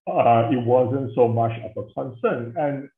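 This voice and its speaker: A man answers interview questions as a scholar, thinking aloud in measured, hesitant phrases full of fillers. His voice sits at an ordinary pitch. It comes through a tinny, phone-like call line with a roomy echo around it. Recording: tinny, echoey call audio.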